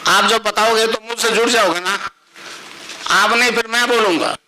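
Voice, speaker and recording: Poor audio with a little hiss or hum captures an older guru's talk to a live audience, delivered in a high, sharp voice with fairly even intonation and moderate pace. He repeatedly asks listeners rhetorically whether they follow and demonstrates a chant over and over.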